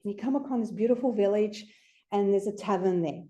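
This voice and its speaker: A woman's voice: medium pitch, a little fast, warm tone. A woman giving an informal lecture to a group, chatty and conversational with playful asides. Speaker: astrology speaker presenting to a group.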